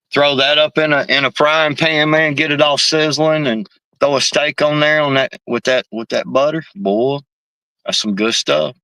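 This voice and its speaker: This livestream host speaks unhurriedly in a high, steady, pushed and bright voice while going through chat messages. His talk is loose and full of profanity, peppered with "man" and "bro," and the audio has no room sound.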